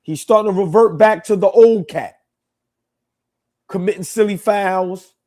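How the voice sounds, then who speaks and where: A man's voice: high voice, a little slow, warm tone. A man co-hosting a sports talk show, making his points emphatically and often asking "right?". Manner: emphatic, rhetorical questions, frequent "right?". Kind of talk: casual sports chat.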